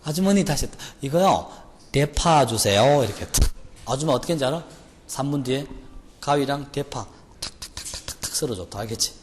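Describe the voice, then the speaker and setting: A man's voice: medium pitch, expressive, fast. A male teacher with a Gyeongsang accent giving a jokey classroom lecture, firing rhetorical questions at students. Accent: Gyeongsang Korean. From Gyeongsang region, Korea. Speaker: English vocabulary lecturer. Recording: lecture hall reverb, faint noise.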